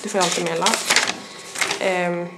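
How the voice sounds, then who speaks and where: A woman's voice: lowish voice, steady tone, very noisy. A young adult woman with a stuffy nose, rambling in a casual vlog chat with lots of fillers. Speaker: vlogger.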